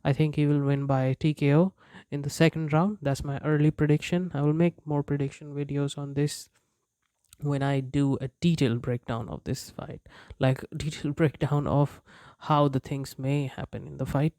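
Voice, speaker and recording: A young YouTuber whose first language isn't English rambles through a casual, unscripted vlog, full of fillers, restarts, and frequent chuckles. His voice is a little high and dark-toned, steady at a moderate pace, with no echo.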